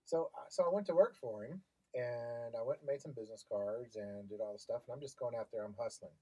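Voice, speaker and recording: Guest, male, husky tone, emphatic, repetitive storyteller. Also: mid-range voice, fairly quick, warm tone, no echo, rough recording. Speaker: guest, sign business owner. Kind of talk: casual chat.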